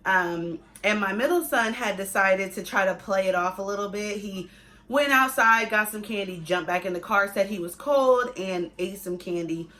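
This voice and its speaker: Young female mom vlogger, mid-pitched, casual and conversational update to viewers, restating points for emphasis. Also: moderate pace, bright, forceful tone. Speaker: family vlogger, pregnant mother.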